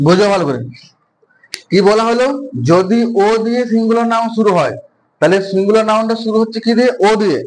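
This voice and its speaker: Guy teaching grammar, high voice, keeps asking then answering his own questions. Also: quick pace, rough recording. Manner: repeats questions and answers them himself. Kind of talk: classroom lesson explanation.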